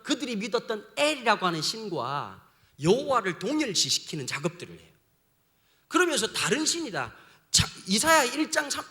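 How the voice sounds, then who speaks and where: Male pastor preaching, jokey and slangy, keeps quizzing the crowd, really high bright voice. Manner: humorous, slangy, asks the congregation questions. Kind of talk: sermon.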